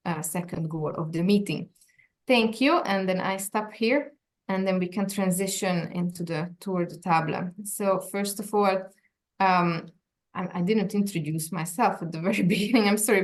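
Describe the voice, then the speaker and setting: Woman running a zoom meeting, lowish gravelly voice, polite, kinda procedural. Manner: polite, procedural, with some fillers. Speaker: education department director, meeting chair. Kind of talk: video call meeting, chairing introductions. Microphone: video call.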